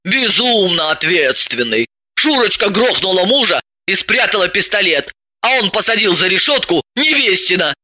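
A man's voice: high voice, very animated, moderate pace, sharp tone, no echo, full character voice. A man reading an audiobook, voicing a bossy, sardonic woman psychoanalyst who gives orders and mocks. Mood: triumphant.

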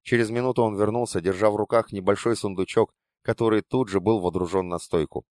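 A man reading a fantasy novel aloud in first person, with measured, even storytelling on a close studio mic. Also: lowish voice, no echo. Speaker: audiobook narrator. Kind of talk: first-person audiobook narration.

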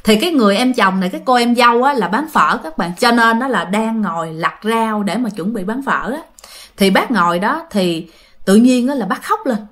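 Woman, Southern Vietnamese accent, lively ghost-story telling, fairly high voice, chatty. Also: normal speed. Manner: chatty, addresses listeners often, acts out quoted lines. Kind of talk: casual storytelling to viewers.

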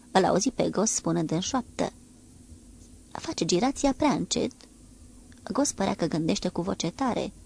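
A woman reading an audiobook in a steady, measured way. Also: mid-range voice, gravelly, breathy edge. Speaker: audiobook narrator. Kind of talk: audiobook narration of a naval novel.

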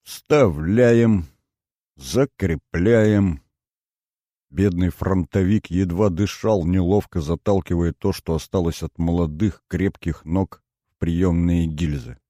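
Deep-voiced male audiobook narrator. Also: fairly even intonation, warm tone, dry recording, clean studio sound. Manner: measured, storytelling. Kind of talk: first-person novel narration.

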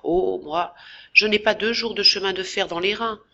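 A woman voicing a tender young man who comforts his younger brother, speaking softly and reassuringly in an audiobook. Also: medium pitch, steady tone, moderate pace, highs cut off. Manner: soft, reassuring, slightly trembling. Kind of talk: audiobook character voice.

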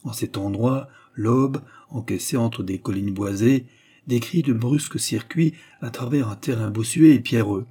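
A man narrating a classic novel as an audiobook in a measured, even manner. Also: mid-range voice, husky. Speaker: audiobook reader.

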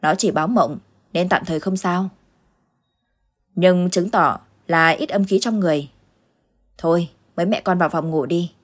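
A woman voicing a stern older village uncle who fights ghosts, gruff and commanding, in an audio ghost story. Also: on the low side, normal speed, long pauses, natural voice.

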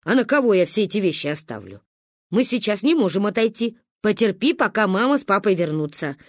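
A woman's voice: mid-range voice, very animated, a little fast, dry recording, studio quality. A woman reading the part of a sarcastic, imperious old grandmother in a storybook reading. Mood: tart. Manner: caustic, cutting.

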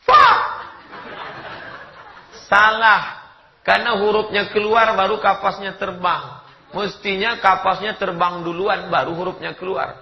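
A man's voice: high voice, moderate pace, reverberant. A man preaching a humorous sermon, acting out dialogue and pronunciation for his listeners. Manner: animated, mimics dialogue and pronunciation. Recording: dull lo-fi recording.

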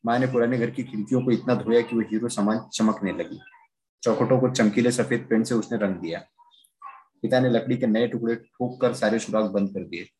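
A man narrating a children's story read aloud, steady and even. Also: on the low side, a little fast, poor audio.

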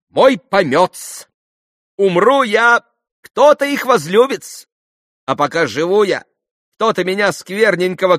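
A man voicing a servile, buffoonish, agitated middle-aged captain in an audiobook, with a shrill, fawning, theatrical delivery. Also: fairly bright tone, no echo, studio quality, heavily acted.

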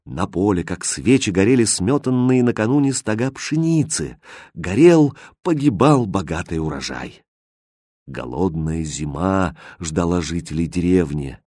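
A man reading a fairy tale aloud as narrator, in an expressive, lively storybook style. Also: low-pitched, a little slow, no echo, studio quality.

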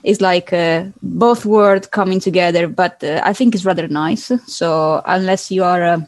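Low-voiced woman, translating in her head. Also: steady tone, normal speed, dry recording. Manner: hesitant, searching for English words as if translating in head. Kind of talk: casual group chat.

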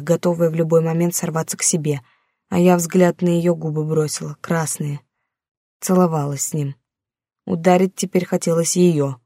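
A woman's voice: sits low, dark tone, dry recording, studio quality. A woman reading a first-person novel aloud in a tense, brooding narrating voice. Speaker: audiobook narrator.

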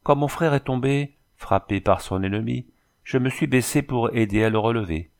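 A man reading the lines of a devoted young Native woman in a solemn, measured voice. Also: mid-range voice, natural voice. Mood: earnest.

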